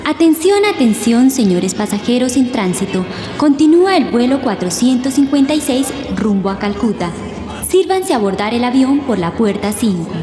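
An actress playing an airport announcer in a radio drama, making formal, measured airport announcements to passengers. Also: female voice, a little high, sing-song. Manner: formal, measured repetition of calls. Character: female airport public-address announcer calling passengers. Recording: echoey PA hall, music behind.

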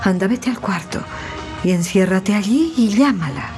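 An actress playing an urging, encouraging confidante in a melodramatic radio drama. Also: female voice, mid-range voice, animated, moderate pace, faint music behind, close to an everyday voice.

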